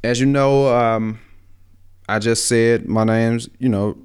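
A man's voice: medium pitch, steady tone, slow, darkish tone, clean tone. A young man with a rural Alabama Southern accent, hosting a casual solo podcast in a rambling, folksy way. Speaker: podcast host.

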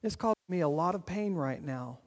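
A man preaching a sermon as pastor, earnest and encouraging, swinging between loud urging and quiet, hushed lines. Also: fairly high pitch, lively intonation, a little fast. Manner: earnest, encouraging, rises and drops in volume.

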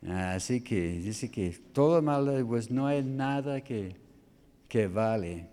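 A male preacher giving a sermon on a scripture passage, halting and spelling out Greek words letter by letter. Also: mid-range voice, animated, dark tone.

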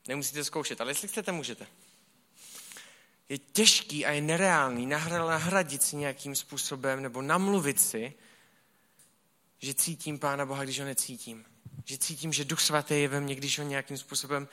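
A man preaching a sermon, telling stories in a casual, colloquial and animated way. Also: on the high side.

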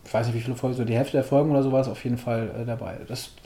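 A man hosting an interview, asking questions in a halting way and searching for words. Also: medium pitch, steady tone, warm tone, reverberant, slight background noise. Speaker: podcast host, interviewer. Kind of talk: casual interview.

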